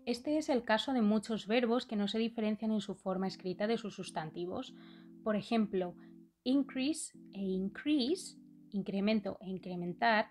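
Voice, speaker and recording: A young adult woman with a Spain Spanish accent, explaining a language lesson clearly and steadily, with playful asides. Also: medium pitch, normal speed, darkish tone, faint music behind. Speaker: language educator and video host.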